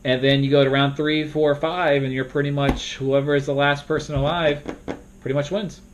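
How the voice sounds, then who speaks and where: A young man casually walking through how to moderate a party game, rambling and now and then bursting into loud acted-out announcements. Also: on the high side, little pitch movement, normal speed, slight background noise. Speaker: game moderator teaching a tutorial. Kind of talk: casual instructional talk.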